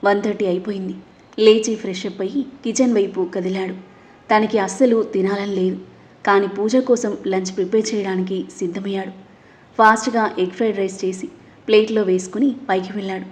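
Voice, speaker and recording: A woman hosting and narrating a scripted family audio story in a steady, dramatic reading. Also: mid-range voice, a little fast. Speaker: storyteller and host.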